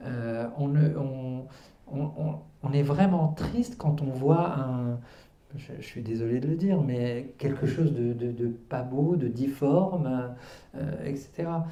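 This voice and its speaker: A man's voice: medium pitch, slow, warm tone, lo-fi sound. Earnest hesitant man in his fifties, roomy hall. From Algeria, raised in Paris. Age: 50s. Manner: hesitant, many fillers and restarts, earnest. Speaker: author and guest. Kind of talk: public book talk interview. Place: cultural centre hall.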